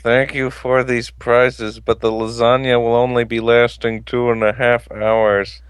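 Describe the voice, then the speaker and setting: Garfield, a man voicing a loud off-mic cat. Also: medium pitch, flat delivery, a little slow, clean tone, dry recording, natural voice. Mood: stiff. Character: lazy orange cartoon cat, smug, stiff.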